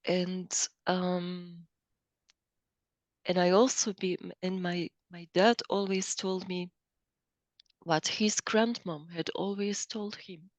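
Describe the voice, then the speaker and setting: A middle-aged woman from Belgium, speaking as an interview guest, thoughtful and hesitant with many pauses and restarts. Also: lowish voice, flat delivery, dry recording. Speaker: guest, coach. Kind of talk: interview conversation.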